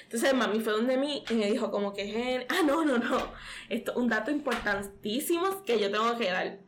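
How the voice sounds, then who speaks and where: Puerto Rican young woman, high, faint hiss. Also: moderate pace. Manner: rambling, many fillers, re-enacts dialogue. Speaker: interview guest, pastor's daughter. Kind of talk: emotional personal storytelling. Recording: faint background noise.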